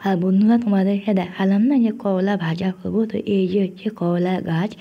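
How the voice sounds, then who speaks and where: A woman narrates her home cooking vlog in a hoarse voice left by a recent cough. She chats in a homely way, addressing viewers as friends and filling pauses as she goes. The voice-over sounds dull and lo-fi. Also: mid-range voice, level tone. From India. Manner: homely chatty talk to friends, frequent fillers. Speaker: cooking vlogger.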